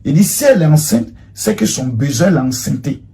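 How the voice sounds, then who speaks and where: A man giving an impassioned, accusatory monologue, swinging between loud outbursts and hushed lines. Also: a little high, big pitch swings, fairly quick, vocal fry. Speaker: public figure answering a former protégée.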